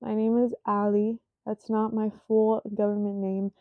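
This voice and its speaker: A woman's voice: medium pitch, little pitch movement, dry recording. A woman in her twenties hosting her own podcast in a casual, rambling, self-conscious way, sleepy and yawning as she talks. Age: 20s. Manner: slow, rambling and self-conscious, with frequent fillers. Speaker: podcast host. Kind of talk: casual solo podcast chat. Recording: dry, tinny phone-like sound.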